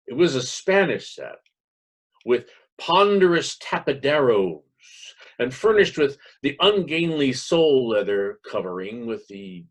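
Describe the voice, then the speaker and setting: A man playing a wry, pompous humorist lecturer in a hammy, dramatic theatrical reading, with a husky voice. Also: medium pitch. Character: Mark Twain, wry pompous male humorist lecturer spinning tall tales.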